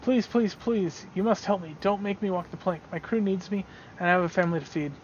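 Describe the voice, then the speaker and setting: A man's voice: high-pitched, a little fast, slight background noise, natural voice. A man voicing a desperate male pirate prisoner pleading not to walk the plank, on slightly dull lo-fi audio. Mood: begging. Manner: pleading, repetitive.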